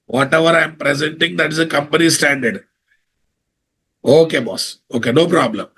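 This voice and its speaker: A man's voice: fairly high pitch, normal speed, a bit bright, breathy edge. A man with a Telugu Indian English accent teaching an informal live online class as an instructor, repeating phrases and checking understanding with questions. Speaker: software instructor.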